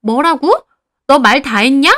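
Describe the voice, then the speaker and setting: A woman voicing a tearful, defiant young woman who shouts back in a shrill voice. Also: unhurried.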